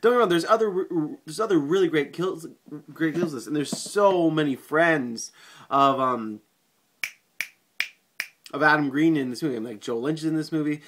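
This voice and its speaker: A man's voice: a little high, moderate pace, a bit bright. A man giving a casual video movie review, rambling with frequent swearing, fillers and restarts.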